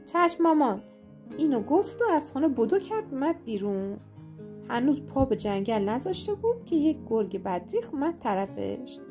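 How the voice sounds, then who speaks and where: Warm-voiced woman storyteller, fairly high, playful delivery, faint guitar behind. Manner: lively, expressive storytelling. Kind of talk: children's bedtime story narration. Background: soft guitar music.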